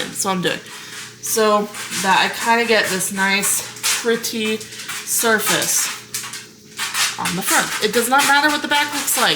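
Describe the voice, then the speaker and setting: A woman giving a relaxed, chatty cooking tutorial while shaping bread dough at home. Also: mid-range voice. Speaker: home baker showing a recipe. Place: home kitchen. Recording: echoey kitchen with clear background noise.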